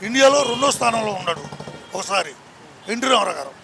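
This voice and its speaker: A man's voice: high-pitched, lively intonation, quick pace, vocal fry, background noise. A man giving a heated political opinion to a reporter on a city street. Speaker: member of the public. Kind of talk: street interview answer.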